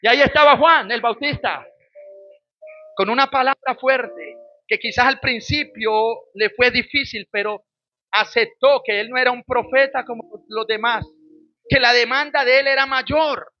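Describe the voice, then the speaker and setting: A man from Colombia with a Colombian Spanish accent, preaching a sermon with lively storytelling that rises into shouted exhortation. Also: very high-pitched, normal speed, dull audio. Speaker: pastor.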